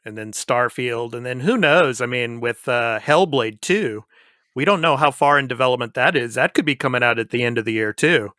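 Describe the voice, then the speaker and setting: Bright-voiced man in his fifties, hosting. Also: medium pitch, moderate pace, dry recording, clean studio sound. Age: 50s. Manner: laid-back, laughs easily. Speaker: podcast host. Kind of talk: casual chat.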